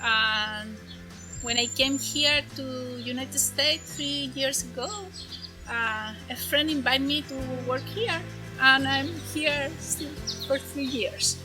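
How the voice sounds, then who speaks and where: A woman who works on a farm, speaking slowly and simply in a language that is not her first, in a documentary interview. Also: sits high, steady tone, over music, low-quality recording. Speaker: farm worker.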